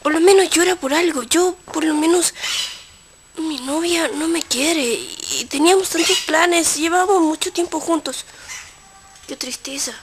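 A woman's voice: extremely high pitch, a little slow, background noise. A woman voicing a heartbroken young man in a homemade drama, self-pitying and lamenting. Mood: gloomy. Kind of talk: amateur home drama.

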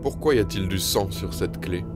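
A man's voice: sits low, moderate pace, close to an everyday voice. An actor playing a cruel, cold-hearted nobleman husband in a storybook reading, speaking in curt, menacing commands. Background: music.

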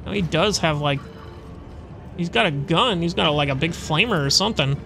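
A man's voice: fairly high pitch, normal speed, creaky, pushed and bright, faint music behind. A man reading game dialogue aloud and commenting in a casual, sweary, reactive way as a let's play streamer. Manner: informal, reactive.

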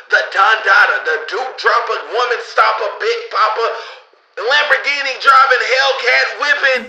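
A man's voice: sits high, creaky, bright, forceful tone, echoey room, heavily acted, rough recording. A man voicing a hype sports announcer through a megaphone effect, piling on nicknames for the competitors. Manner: over-the-top announcer build-up, piling on nicknames.

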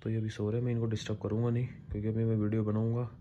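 A young man, the father of infant twins, talking softly and slowly in a casual home vlog so the babies can sleep. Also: on the low side, monotone, muffled recording, background noise.

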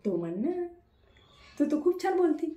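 A mother filming a casual home vlog, gently coaxing and prompting her child with short repeated questions. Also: extremely high pitch, very animated, normal speed. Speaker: mother and vlogger. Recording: echoey room.

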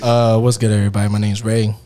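A man's voice: lowish voice, fast. A man in his twenties from Miami, a guest on a podcast, talking casually with slang and easy laughs. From Miami, USA. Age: 20s. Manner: animated, slangy, laughs easily.

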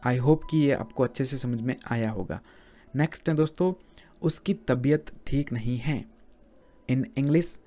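A man teaching spoken English, who calls his viewers friends and says each English sentence slowly twice. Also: medium pitch, mellow.

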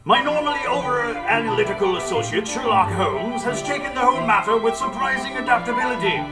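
An actor playing a loyal, exasperated English gentleman doctor, formal and wordy, in a live radio drama. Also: extremely high pitch, a little fast, loud music behind the voice. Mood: reflective narration. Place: live stage before an audience.

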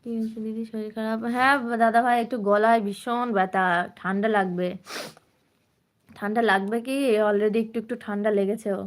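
A woman's voice: mid-range voice, fairly even intonation, a little fast. A young woman from West Bengal with a sore throat, chatting casually on a live stream and greeting viewers by name. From West Bengal, India.

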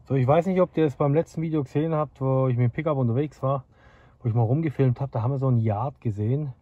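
Filming on a phone, a classic car dealer in his thirties gives casual vlog commentary from a junkyard and from inside a car, chatting eagerly and speaking directly to his viewers. He talks fast at medium pitch, and the recording is dry with phone-quality sound.

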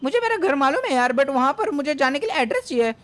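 Woman playing a cheeky lil kid, super high voice, bouncy. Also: very animated, fast talker, fairly bright tone, dry recording. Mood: teasing. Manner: cheeky, carefree. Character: cheeky little five-year-old boy. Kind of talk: game role-play voice acting.

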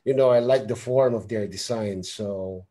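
A man's voice: fairly low pitch, normal speed, mellow. A man hosting an online interview from his home studio, speaking hesitantly with many fillers. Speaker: host. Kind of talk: casual video call interview.

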